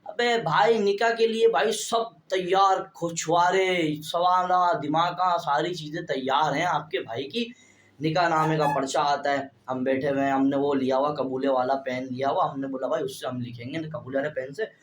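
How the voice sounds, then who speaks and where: A man's voice: fairly high pitch, steady tone, moderate pace, a little hiss or hum. A young man telling a story to camera as a vlogger, chatty and constantly calling his viewers brother. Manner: stands talking straight to camera. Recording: roomy echo.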